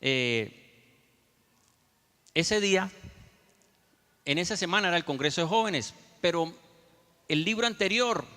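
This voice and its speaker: A male pastor tells a story-driven sermon directly to his congregation, whom he calls brothers. His high voice is bright and forceful with lively intonation, a little slow and pausing often, and it rings with a long hall reverb.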